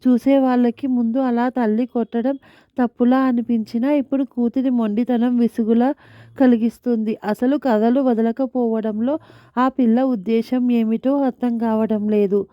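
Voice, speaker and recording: A woman narrating a story in the first person, in a steady, reflective storytelling manner. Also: a little high, normal speed, no room sound, dull audio.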